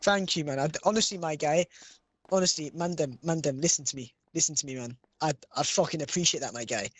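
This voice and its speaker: A man, teasing and mocking in slangy, drawn-out banter during a roleplay game. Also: on the high side, slightly rough, no echo. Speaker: roleplay gamer.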